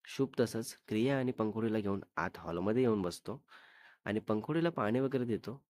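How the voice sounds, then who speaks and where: Male storyteller, low voice, conversational narration, close dry recording. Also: lively intonation, normal speed, a little mellow, no room sound. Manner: conversational, with exclamatory asides.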